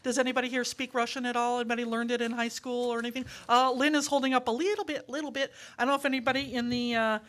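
An older woman leads a Q&A at a church town hall, speaking fast with few pauses in a fairly high, level, slightly bright voice. Chatty and upbeat, she laughs often, and she's recorded from a distance in the sanctuary.

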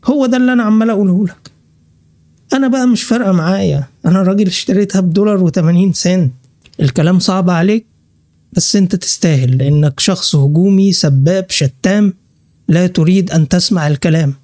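A man's voice: high-pitched, mellow, no echo, studio quality. A man with an Egyptian Arabic accent hosting a crypto channel. He walks through a list on screen and scolds hostile commenters. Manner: brisk list-reading walkthrough. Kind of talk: screen-share vlog commentary.

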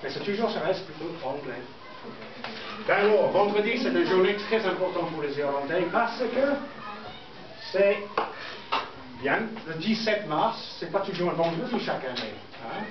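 Middle-aged english guy, native english speaker w/ english accent, teaching kids in halting repetitive phrases, muffled and far from the mic. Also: high-pitched, lively intonation. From southern England. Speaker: primary school teacher. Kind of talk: classroom lesson. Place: indoor school classroom with pupils. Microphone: distant camera microphone. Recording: echoey noisy classroom, muffled, from far off.

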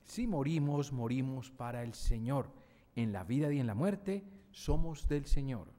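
A man's voice: medium pitch, lively intonation, measured pace, mellow. Solemn male lector in echoing church reverb. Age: middle-aged. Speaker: lector at Mass. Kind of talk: solemn scripture reading. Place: indoor chapel. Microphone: gooseneck lectern microphone. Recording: echoey church hall reverb.

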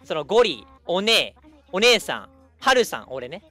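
A young man chatting casually as a streamer, telling a long story in an animated way and acting out the people in it. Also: high-pitched, a little slow. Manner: animated, acts out quoted people.

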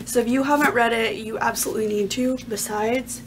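A woman's voice: on the high side, fairly even intonation, fairly quick, a little hiss or hum. A young woman reviewing a book for her vlog, chatty and gushing, laughing often and filling gaps with "like".

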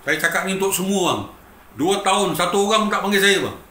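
Emphatic Malaysian man, bright and tense. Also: sits high, a little fast, a little hiss or hum. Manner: emphatic, repetitive, keeps addressing the listener as "bang". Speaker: guitarist telling his story. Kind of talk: emotional personal storytelling. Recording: roomy echo with faint ambience.

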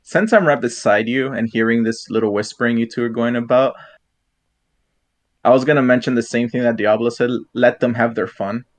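A man's voice: mid-range voice, moderate pace. A man playing a tabletop role-playing game, joking around and describing what his character does. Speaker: player. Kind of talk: casual tabletop play.

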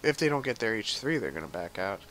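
A man talks through his live game stream in a loose, chatty way, swearing freely and answering viewers as he plays. His voice is bright and forceful, with a faint hiss behind it. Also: lowish voice, big pitch swings, quick pace. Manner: chatty, profane, reads chat aloud. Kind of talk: casual live gameplay commentary.

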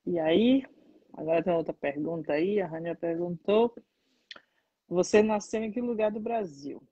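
A woman in her thirties from Salvador with a Bahian Brazilian accent, chatting casually as a dance teacher answering viewer questions, animated and stressing words by slowing down. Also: fairly low pitch, slightly rough, dry recording, highs cut off. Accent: Bahian Brazilian Portuguese. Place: indoors, seated in front of a painted mural.

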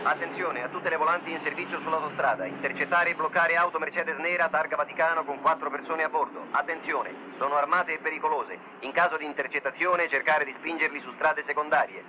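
A man's voice: on the high side, fairly even intonation, quick pace, hardly any pauses. An actor playing a male police dispatcher, giving a clipped formal bulletin over police radio in a 1970s crime film. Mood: urgent, official. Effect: police radio broadcast. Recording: muffled noisy old film soundtrack.

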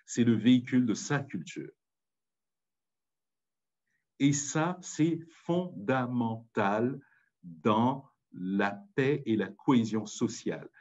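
A man from Paris with a noticeable Parisian accent delivers a public talk, pressing his points with emphatic insistence. His voice is somewhat husky and mid-pitched. The recording sounds muffled and lo-fi. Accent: Parisian French. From France. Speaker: speaker. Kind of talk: public talk on language and community.

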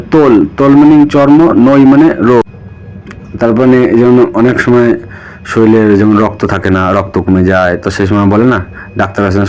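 A man's voice: medium pitch, a little mellow. Bengali man teaching words by repetition. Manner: repeats each word, asks and answers his own questions. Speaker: language teacher. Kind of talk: spoken vocabulary lesson.

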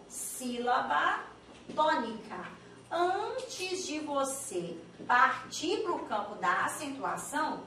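A woman's voice: high voice, far from the mic, a little hiss or hum. Chatty Brazilian woman teaching in an echoey room. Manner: lively, chatty, asks the viewer questions. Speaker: Portuguese teacher. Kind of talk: online exam-prep lesson. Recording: echoey room, voice a bit off mic.

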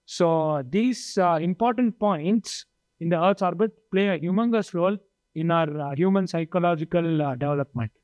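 Male explainer, twenties, Indian accent, high-pitched voice, dry close miking. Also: darkish tone, no echo. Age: 20s. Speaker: podcast panelist. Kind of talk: explanatory talk. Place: indoor meeting room. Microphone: lapel mic.

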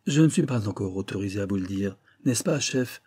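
A man's voice: fairly low pitch, lively intonation, brisk, a little mellow, husky. Man doing a teasing, ironic police inspector. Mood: calm. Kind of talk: audiobook character reading.

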